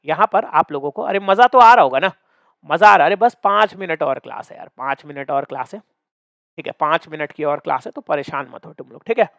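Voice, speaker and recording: A young man teaches physics for exam prep, his voice a touch higher than most men's. He coaxes and teases his students, asking again and again whether they follow. The sound is dry and close, with no room echo. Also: expressive, a little fast, gravelly, a bit bright. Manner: playful, coaxing, calls students "beta"; asks checking questions often. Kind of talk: online exam-prep lecture.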